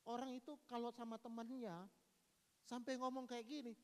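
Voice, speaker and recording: A man preaching a sermon as pastor, with an East Javanese accent and a lively manner, mimicking gossiping friends. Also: very high voice, normal speed. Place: church hall. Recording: long reverb of a church hall.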